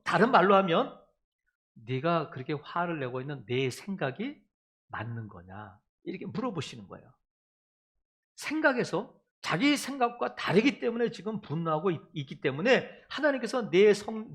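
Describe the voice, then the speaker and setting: A middle-aged male pastor preaching a sermon in a conversational way, dropping to a low voice for God's questions. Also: fairly bright tone.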